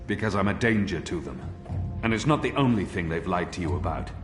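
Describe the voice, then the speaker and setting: An actor playing a defiant, earnest young apostle turned rebel in a video game, intense and principled. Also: male voice, deep voice, animated, a little fast. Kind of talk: dramatic video game acting. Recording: echoey hall with music.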